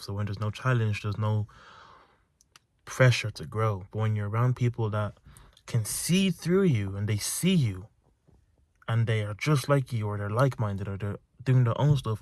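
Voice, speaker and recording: A man's voice: lowish voice, darkish tone, dry recording, clean studio sound. A young man giving a reflective motivational monologue, speaking earnestly and emphatically and repeating key phrases, recorded inside a car. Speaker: self-improvement vlogger. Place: inside a parked car at night.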